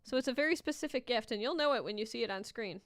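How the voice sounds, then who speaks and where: A woman's voice: a little high, animated, fast talker, no echo, clean studio sound. A woman hosting a casual livestream, chatting playfully to viewers and giving running commentary, with music behind her. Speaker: livestream host and Etch A Sketch artist.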